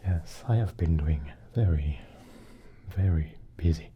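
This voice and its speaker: Whispering softly and unvoiced for most of the clip, a man hosting an ASMR channel drifts toward and away from the close microphone as he chats slowly and haltingly with viewers. He has a bass voice, and the recording is muffled with slight background noise.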